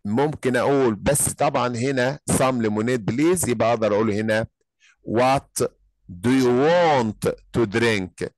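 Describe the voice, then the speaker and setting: An Egyptian man teaching English in a dry, close recording. He drills each phrase slowly, then rushes through the explanation. His voice sits at an ordinary pitch. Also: no room sound. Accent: Egyptian Arabic. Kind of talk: online English lesson.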